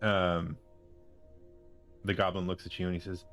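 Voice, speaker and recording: A man runs a tabletop game as game master, describing the scene in a very deep voice. His narration wanders and is full of fillers. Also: flat delivery, unhurried, a bit bright, soft background music. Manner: loose narration full of "uh" and "kind of".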